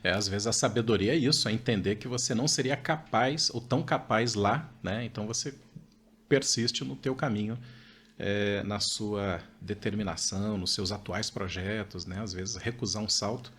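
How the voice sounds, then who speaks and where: A man with a Brazilian accent co-hosting a podcast, making calm, reflective remarks. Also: fairly low pitch, moderate pace, a little hiss or hum. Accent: Brazilian Portuguese. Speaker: podcast co-host. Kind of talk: casual conversational podcast chat.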